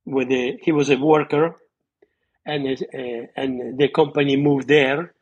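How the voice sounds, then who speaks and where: A retired surgeon from Italy, now in his eighties, reminisces about his life as a podcast guest in an Italian accent. His voice is husky and mid-range with a steady tone and an unhurried pace. He is earnest, frequently starting over while hunting for words, and the recording is muffled.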